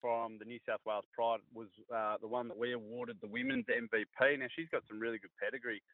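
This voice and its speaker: Man, Australian accent, blokey and laid-back, casual sports punditry, medium pitch, tinny phone audio. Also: lively intonation, fast talker, creaky, no room sound. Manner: blokey, laid-back Aussie mateship slang. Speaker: sports pundit and former player. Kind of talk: casual radio sports chat.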